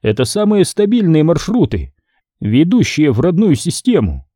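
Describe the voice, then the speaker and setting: A man playing a stern ship captain who talks in a firm, commanding, dry way. His voice is lively in pitch, with a warm, dark tone in a close, dry audiobook read. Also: normal speed, slightly rough, no echo. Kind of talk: audiobook character reading.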